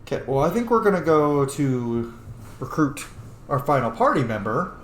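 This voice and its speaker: Fairly high-pitched and very animated, this man talks at a normal speed as he plays, offering sweary, casual let's-play reactions. Video game music plays behind him in an echoey room.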